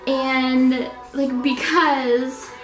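A woman's voice: high-pitched, little pitch movement, drawn-out words, music in the background. A woman in her twenties chatting casually to camera as a vlogger, rambling and easily distracted. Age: 20s. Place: small indoor apartment room. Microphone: camera at arm's length. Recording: echoey small room with faint noise.

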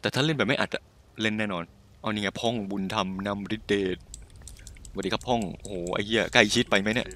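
A young man giving casual let's-play commentary, profane and excitable, swearing constantly while he plays. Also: lowish voice, fast. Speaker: gaming YouTuber.

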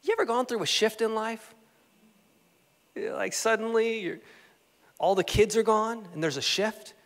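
A man preaches a lively, conversational sermon with a notably high voice, tossing questions and asides to his congregation. His voice rings out with a long reverb in a church sanctuary. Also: moderate pace. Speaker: pastor.

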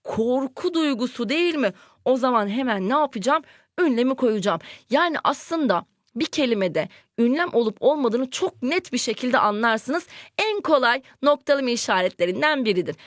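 Woman, primary teacher: higher voice, dry close sound, lively questioning delivery for small children. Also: moderate pace, no room sound. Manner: lively, questioning, acts out example sentences with exclamations. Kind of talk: classroom lesson for young children.

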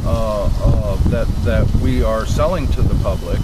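Middle-aged guy on a windy dock explaining tech stuff, lots of ums, wind and water noise loud behind him. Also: fairly low pitch. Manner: measured, technical, with frequent uh and um. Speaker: electric boat propulsion specialist. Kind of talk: explaining to camera. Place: outdoors on a dock by open water.

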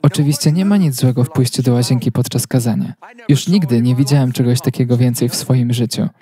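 A man reading a translated sermon as a voice-over, telling it as a steady story. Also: mid-range voice, brisk.

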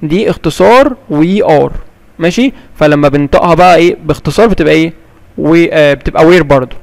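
High-voiced Egyptian man teaching English. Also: gravelly, long reverb tail. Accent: Egyptian Arabic. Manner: asks questions and answers them himself; reads English examples slowly and carefully. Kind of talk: classroom-style grammar explanation.

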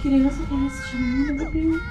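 Uma mulher com sotaque brasileiro, aflita e chorosa, gritando e implorando, ouvida a certa distância do celular. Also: female voice, high-pitched, fairly even intonation, fast, music in the background. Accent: Brazilian Portuguese. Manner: pleading, crying out, distressed. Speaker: vlogger's wife. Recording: echoey room, from a distance.

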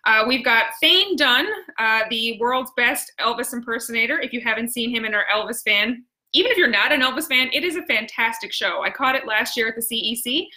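A woman's voice: fairly high pitch, fairly quick, hardly any pauses, bright, forceful tone. A woman with a Newfoundland accent hosting a casual live stream, chatty and exclamatory, with plenty of slang. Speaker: host.

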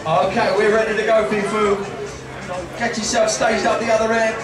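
A man's voice: high voice, little pitch movement. A man calling freestyle stunt tricks live and urging the crowd to make noise. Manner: hypes the crowd, calls tricks in quick bursts. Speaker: event announcer. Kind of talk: live stunt commentary over a PA. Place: outdoor stunt arena over loudspeakers. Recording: echoey PA heard from far off. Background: crowd and loud music.

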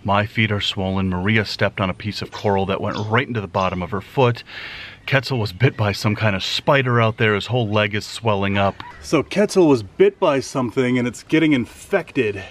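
A man's voice: fairly low pitch, normal speed, slight background noise. Worn-out man vlogging at camp. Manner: enthusiastic, rambling, thinking aloud. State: tired and worn out. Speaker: vlogger and filmmaker. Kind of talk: casual vlog narration. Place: outdoors under a thatched shelter at camp. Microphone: camera held close at arm's length.

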